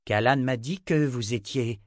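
A man voicing a calm, steady young male hero in an audiobook. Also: medium pitch, measured pace, no echo, studio quality, pitched above the performer's own voice, lightly acted. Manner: calm, firm.

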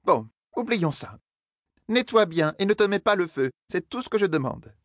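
A man's voice: high voice, animated, moderate pace, no echo, voice pushed up. A fussy, clucking innkeeper woman, voiced by a male audiobook reader, scolding her staff in a bustling flurry. The voice is pushed well above his own, and the recording is close and dry. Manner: scolding, clucking like a flustered mother hen. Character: fussy bustling middle-aged female innkeeper. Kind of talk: audiobook character voice.

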